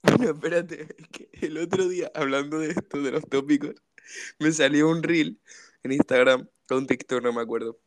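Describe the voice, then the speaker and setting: A man's voice: on the high side, normal speed, no echo. Jokey man on a podcast. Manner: jokey storyteller, laughs often and acts out quotes. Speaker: podcast co-host. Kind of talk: casual comedic chat.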